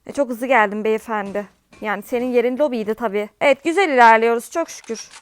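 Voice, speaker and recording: A woman with a high voice hosts her own gaming channel, talking viewers through a match in a loose, chatty way. She often bursts out in exasperated complaints and shouts at opponents. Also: fast talker, clear, resonant tone, no echo. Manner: chatty, with frequent exasperated outbursts at the game. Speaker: gaming streamer. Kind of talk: casual gameplay commentary.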